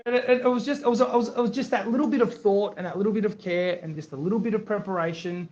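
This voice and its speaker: Man, 40s, podcast guest; animated storyteller who repeats himself, high voice. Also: fast talker, highs cut off. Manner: animated, repeats words, acts out others in quotes. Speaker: podcast guest, business owner. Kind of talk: casual interview chat.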